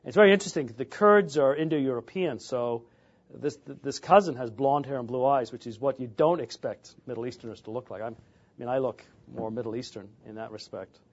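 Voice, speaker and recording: This informal church history lecture comes from an Englishman in his fifties whose mid-range voice is husky. He regularly pauses on filler sounds and restarts, and the audio sounds dull.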